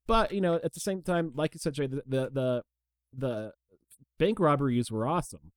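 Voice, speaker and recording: A man's voice: mid-range voice, normal speed, dry recording, clean studio sound. A man hosting a casual movie review chat, asking eager questions and repeating words as he restarts.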